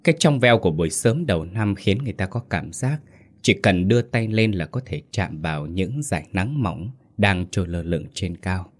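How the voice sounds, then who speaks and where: Deep-voiced man narrating a sad story. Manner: slow, gentle, somber reading.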